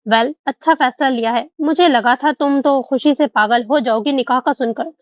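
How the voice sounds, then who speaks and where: A man's voice: very high-pitched, normal speed, dry recording. A woman voicing a cold, unbending rich young man who talks bluntly. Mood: curt. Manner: blunt, curt. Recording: dull dry recording.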